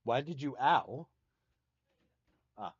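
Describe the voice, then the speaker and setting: A man's voice: mid-range voice, lively intonation, extremely slow, breathy edge, dry recording, dull audio. A man with a mountain North Carolina accent, chatting casually with viewers on a livestream and thanking them by name. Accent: Southern US, North Carolina mountains.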